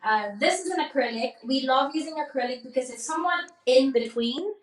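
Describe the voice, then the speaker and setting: A woman with a fairly high voice teaches cake decorating in a live demonstration. She talks casually, keeps checking in with her viewers, and laughs easily. The room around her is echoey. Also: lively intonation, a little fast, a little hiss or hum. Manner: chatty, checks in with "okay?", laughs often.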